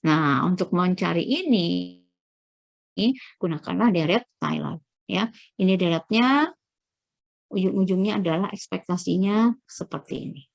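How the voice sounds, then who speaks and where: A middle-aged woman lecturing through slides, explaining step by step with frequent checking pauses and searching fillers. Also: on the low side, vocal fry, lo-fi sound.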